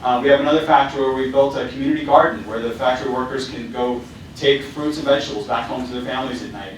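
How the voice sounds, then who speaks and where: Speaking fast in a steady, medium-pitched voice, a company founder presents casually to students with many fillers and restarts. His mid-range voice is heard from afar in a very echoey hall, with heavy echo and a little hiss or hum.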